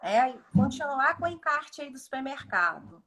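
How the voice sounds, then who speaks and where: A woman with a Brazilian Portuguese accent speaks in a fairly high register. She explains step by step on a video call and slips into short example dialogues with patients. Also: big pitch swings, normal speed, a bit bright. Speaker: speech therapist guest. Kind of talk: instructive live chat.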